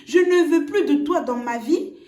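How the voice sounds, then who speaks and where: A woman's voice: high-pitched, animated, normal speed, dark tone. A woman voicing a betrayed young fiancée accusing the man who lied to her. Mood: cold. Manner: hurt, accusing. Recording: roomy echo.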